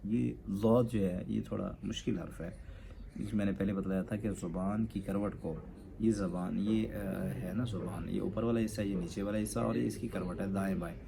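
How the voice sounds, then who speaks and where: A man teaching Quran pronunciation, explaining letter sounds and drawing out the model syllables slowly. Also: deep voice, steady tone, gravelly, background noise. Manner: slow, drawn-out model pronunciations; explains with pointing gestures. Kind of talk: tajweed lesson.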